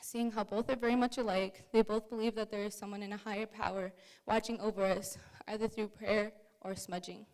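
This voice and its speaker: A young woman from Canada reading a prepared personal story at a museum talk, earnest and measured. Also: mid-range voice, flat delivery, a little mellow, rough recording. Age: young adult.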